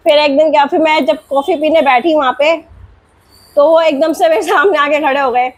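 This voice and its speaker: A woman's voice: high voice, moderate pace. A young woman vlogger and mother telling a home story in a chatty, rambling way, repeating herself as she goes, then drawing a moral.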